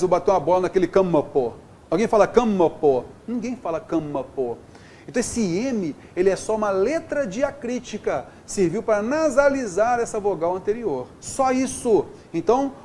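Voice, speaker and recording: A man's voice: high-pitched, slight background noise. A man teaching a Portuguese grammar lesson with a Brazilian accent, explaining step by step and checking in often with the class. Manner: lively, keeps checking in with "beleza?" and "tá?".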